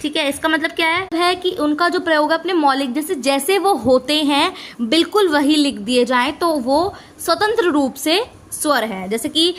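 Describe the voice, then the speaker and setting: A woman's voice: high-pitched, animated, moderate pace, fairly bright tone. A woman teacher explaining a grammar lesson patiently, checking in often with the listener and mixing in English words. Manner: patient, repeats points with "है ना" and "ठीक है"; mixes English words into Hindi.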